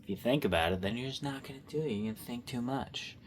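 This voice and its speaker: A young man talks his way through a drawing session with loose, rambling commentary and silly self-mocking jokes. His voice sits at an ordinary middle pitch. A faint hum of room ambience sits under it. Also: fast talker. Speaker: art vlogger.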